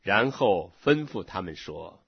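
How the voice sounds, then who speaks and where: A low-voiced man reads scripture slowly and deliberately, his husky voice rising and falling in lively swings of pitch. The recording is dry and close, with a dull lo-fi sound. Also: dry recording. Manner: slow, measured reading. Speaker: scripture reader. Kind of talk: scripture reading.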